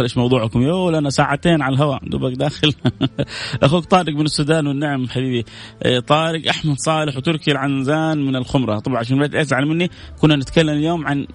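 A man hosting a live religious program, quickly reading out viewers' names and offering blessings with playful asides. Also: mid-range voice. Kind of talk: live broadcast reading viewer greetings and prayers.

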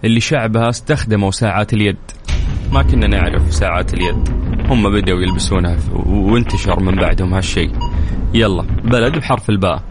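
A man's voice: fairly low pitch, music in the background. A man with a Saudi accent hosting a radio call-in quiz show, playful and teasing with callers. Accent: Saudi Arabic. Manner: playful, teasing, counts down quickly. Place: radio studio.

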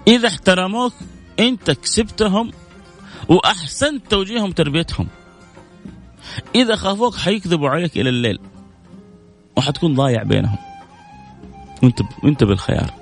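A man's voice: high voice, big pitch swings, a little fast, long pauses, soft background music. A man hosting a radio call-in show, giving earnest family advice and reading out listener messages.

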